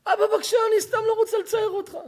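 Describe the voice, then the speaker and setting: A man's voice: extremely high pitch, a little mellow, voice pushed up. A man voicing a tearful young daughter who keeps pleading with her father.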